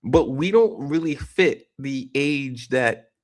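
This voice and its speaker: A man's voice: medium pitch, slow. A man in his forties giving casual, opinionated reaction commentary on a video, rambling and joking as he goes. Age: 40s.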